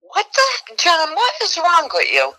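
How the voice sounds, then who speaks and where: An older woman's voice comes through a phone on speakerphone, bright and edged. Her pitch swings widely as she answers bluntly, with a wisecracking, no-nonsense manner. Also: wildly swooping pitch, measured pace, rough recording. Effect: heard over a phone on speakerphone. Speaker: caller's mother on the phone. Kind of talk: casual phone chat.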